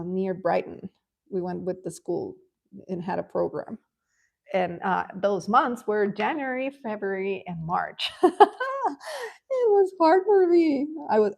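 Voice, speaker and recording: A woman from Ecuador chats casually while she colors, with a gravelly edge and a middle-range pitch. She rambles from thought to thought and laughs often as she answers her viewers' comments. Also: darkish tone. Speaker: livestream host.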